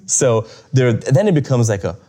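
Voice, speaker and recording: In a casual conversational interview, a young adult man who grew up in Bulgaria talks reflectively as the guest, chuckling often and using many fillers and restarts. His mid-range voice is sing-song and dark in tone, at normal speed.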